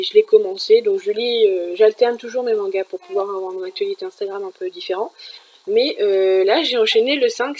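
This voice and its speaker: A woman chats at home about what she has been reading, her talk loose and full of little fillers and restarts. Her voice sits at an ordinary middle pitch. A faint background noise runs under the recording. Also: darkish tone, low-quality recording. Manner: chatty, many fillers and restarts. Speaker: manga reviewer. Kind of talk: casual chat.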